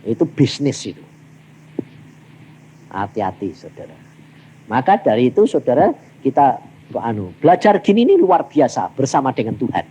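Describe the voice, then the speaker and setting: Javanese-accented male preacher, hugely expressive pitch, plays out dialogues mid-sermon. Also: normal speed, pauses often, slight background noise. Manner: animated storytelling, acting out dialogues with big vocal swings. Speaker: evangelist preacher.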